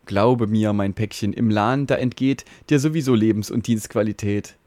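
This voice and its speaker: A man's voice: on the low side, normal speed, darkish tone, no echo, lightly acted. A man voicing a boastful, fatherly network router in a rhyming comic ballad, reciting in a soothing, self-important way.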